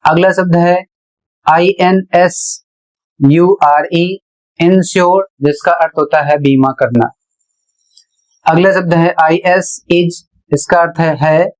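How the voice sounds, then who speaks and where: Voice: mid-range voice, steady tone, takes it slowly, low-quality recording. A teacher with a Hindi accent, giving a pronunciation lesson, spelling out words letter by letter and then reading them aloud. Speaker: English teacher.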